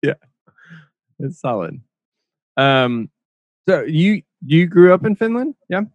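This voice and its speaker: A man's voice: fairly high pitch, very animated, slow, no echo, phone-quality sound. A man hosting a podcast, talking casually in a rambling way and laughing often. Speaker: podcast host.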